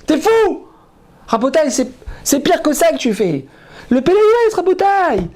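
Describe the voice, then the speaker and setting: A man who is a rabbi preaching a passionate sermon, repeating himself for emphasis and swinging from loud exclamations to low murmurs. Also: very animated, measured pace, slight background noise. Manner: emphatic and repetitive, often calling out to listeners. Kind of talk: impassioned sermon.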